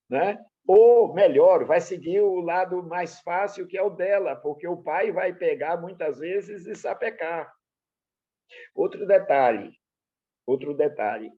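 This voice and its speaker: A middle-aged man with a Brazilian Portuguese accent, a pastor teaching in an animated sermon full of personal anecdotes, acting out dialogue in changed voices. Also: a little high, highs cut off.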